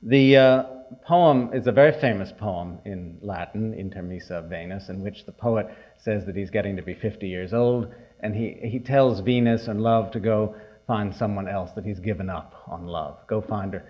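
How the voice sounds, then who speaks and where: A poet giving a reading, heard through an old archival recording, unhurried and pausing with hesitant asides. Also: male voice, on the low side. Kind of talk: poetry reading with remarks. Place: reading hall with an audience. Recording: dull lo-fi archival tape.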